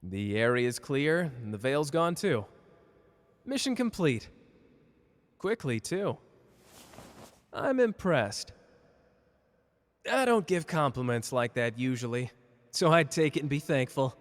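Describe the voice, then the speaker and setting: A man's voice: mid-range voice, expressive, slow, pauses often. Man acting cocky, flirty Gojo in long reverb. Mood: smug, teasing. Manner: teasing, casual, boastful. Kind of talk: ASMR character roleplay addressed to listener.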